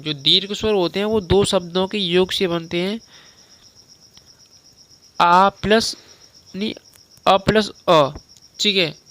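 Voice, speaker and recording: A man's voice: high voice, pushed and bright. A young man teaching a Hindi grammar lesson in a casual, conversational way, repeating each point and quizzing the listener as he goes.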